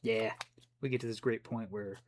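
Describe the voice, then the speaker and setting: A man playing a card game who explains the rules calmly and narrates each of his plays aloud. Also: on the low side, normal speed, heavy background noise. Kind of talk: casual banter while playing.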